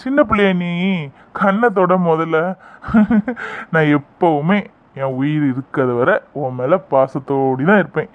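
A man voicing a doting, gentle young village man in love, soothing and affectionate, in a cartoon. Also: on the high side, unhurried, natural voice. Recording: dry, tinny phone-like sound.

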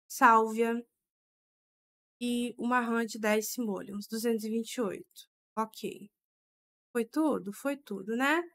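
A young gaming streamer chats her way through a life-simulation game in casual let's-play style, full of exclamations and addressing her viewers as "gente." Her voice is on the high side with a fairly bright tone.

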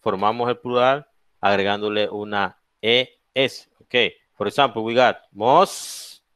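In this bilingual lesson on plural rules, a male English teacher with a Latin American Spanish accent gives each rule first in English, then in Spanish, checking with "¿ok?" and "¿ya?". He goes slowly, spelling out letters and example words one by one and stretching them out. The voice is lowish, smooth, resonant and a bit bright, with fairly even intonation, recorded close and dry with no echo.

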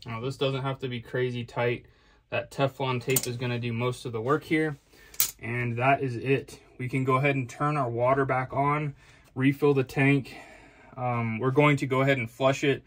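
A man's voice: mid-range voice, level tone, moderate pace, background noise. A man hosting a do-it-yourself video, casually explaining each step of a repair in a basement utility room. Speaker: DIY HVAC video host. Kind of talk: casual how-to demonstration.

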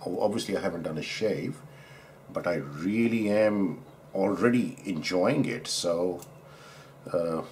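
A man's voice: deep voice, a little hiss or hum. A man from Pakistan, a doctor, chatting casually through a razor unboxing at his desk, rambling and correcting himself as he admires the parts. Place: indoors at a desk, overhead camera.

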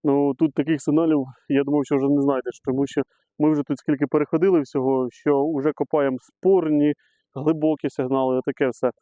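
Out on a meadow with his metal detector, a middle-aged man digs and keeps up casual commentary to camera, addressing viewers as friends. He speaks a little fast in a dark-toned, fairly high voice with fairly even intonation. There's no echo, though the lo-fi audio sounds slightly dull.

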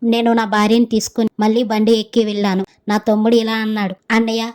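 A woman narrating a village horror story in first person, in a steady storytelling manner. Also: a little high, fast talker, smooth.

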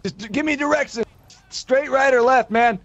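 A man's voice: very high voice, normal speed, a bit bright, no room sound, muffled recording. A man in a game role-play, talking in a jittery way and tacking "man" onto his sentences. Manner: jittery, tacks 'man' onto everything.

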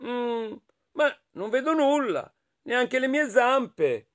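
A man voicing a small, timid and curious male hedgehog in a storybook, with high wondering exclamations. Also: very animated, slow pace, a bit bright, exaggerated voice. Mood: anxious calling.

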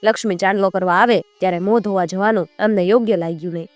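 A woman storyteller narrating a folk tale in a measured, expressive way. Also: medium pitch, dry recording, soft background music.

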